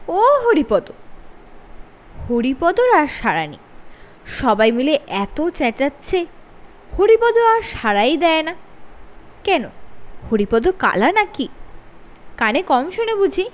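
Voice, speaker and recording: A woman with a high voice reads a funny children's story aloud as the host of her own channel, using expressive, sing-song emphasis.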